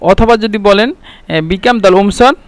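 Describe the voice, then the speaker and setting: A man's voice: high voice, unhurried, smooth, no echo. A man teaching Arabic phrases, saying each one several times and then translating it. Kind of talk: explaining Arabic phrases in Bengali.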